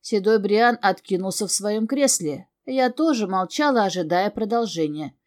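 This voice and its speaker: A woman narrating a first-person fantasy audiobook in a wry, expressive way. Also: mid-range voice, moderate pace. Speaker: audiobook reader.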